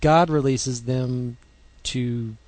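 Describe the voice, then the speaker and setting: A man's voice: mid-range voice, fairly even intonation, drawn-out words, a little mellow, dry recording. A man co-hosting a casual podcast who sums up the readings with wisecracks. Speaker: podcast co-host. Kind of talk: casual chat.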